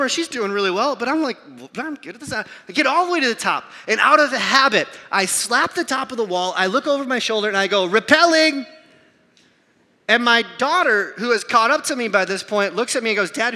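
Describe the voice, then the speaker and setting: A man in his thirties preaching a sermon, telling a self-mocking story in an animated way and acting out the voices. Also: sits high. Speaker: pastor. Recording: reverberant hall.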